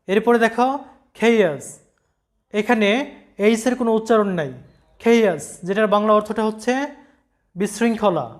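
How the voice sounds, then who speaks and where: Patient pronunciation teacher, mid-pitched voice, repeats words slowly for learners. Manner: patient, repeats each word slowly and addresses learners directly. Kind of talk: recorded lesson explaining vocabulary.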